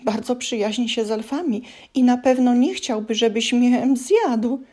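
A woman voicing a tiny, timid male elf who pleads and stammers in a high, whimpering voice. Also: a little slow, dark tone. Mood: stammering, nervous.

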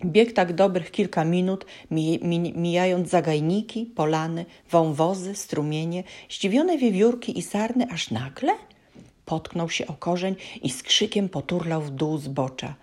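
A woman reading a children's story aloud in a lively, playful, expressive way. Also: lowish voice, measured pace.

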